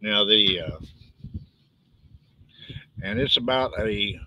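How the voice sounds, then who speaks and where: Deep West Texas twang, older man. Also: takes it slowly, sharp tone, dry recording, rough recording. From West Texas, United States. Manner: folksy, rambling. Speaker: author. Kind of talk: casual live-stream chat about own books.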